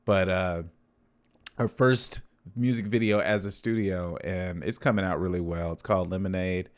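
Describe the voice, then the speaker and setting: A man with a slightly low voice talks through his studio's film projects in a relaxed livestream. He is eager and upbeat and goes on at length. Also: normal speed. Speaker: filmmaker and studio co-founder. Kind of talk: casual livestream chat.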